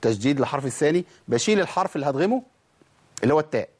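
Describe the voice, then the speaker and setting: A man's voice: a little high, very animated, racing, a little mellow. A man with an Egyptian Arabic accent teaching Quran recitation rules, asking and answering his own questions and demonstrating sounds. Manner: demonstrates pronunciation. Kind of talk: tajweed lesson.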